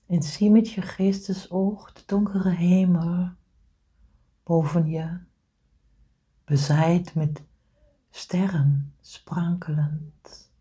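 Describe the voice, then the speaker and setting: Slow, dark-toned woman guiding meditation. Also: fairly low pitch, fairly even intonation, husky. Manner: slow soothing delivery, often whispered. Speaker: meditation guide. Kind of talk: guided meditation.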